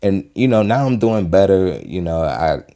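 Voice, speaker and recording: A young man in his early twenties from Western Pennsylvania talks loosely about urgency in life as he reacts to a clip for his video. His low, mellow voice has lively intonation and a moderate pace. It's casual motivational talk that rambles, full of fillers and repeated phrases.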